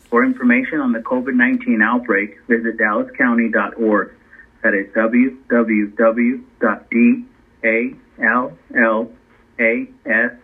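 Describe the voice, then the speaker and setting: A man reading a recorded phone menu greeting slowly and evenly. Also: mid-range voice, breathy edge. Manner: slow, even, spells out letters. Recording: tinny phone line.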